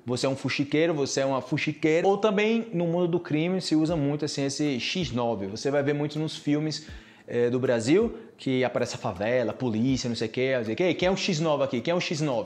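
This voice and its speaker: A man's voice: on the high side, darkish tone. A Brazilian man with a Brazilian Portuguese accent, a teacher giving a casual podcast lesson and explaining each point through many repeated examples.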